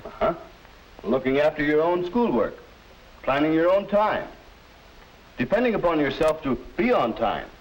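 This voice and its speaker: A man acting as a middle-aged schoolteacher in a 1950s educational film, speaking like a narrator of that era in a measured, didactic way. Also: on the high side, very animated, rough recording. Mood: encouraging. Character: kindly, instructive male schoolteacher in a 1950s film. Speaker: teacher advising a student. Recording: hissy old 1950s film soundtrack.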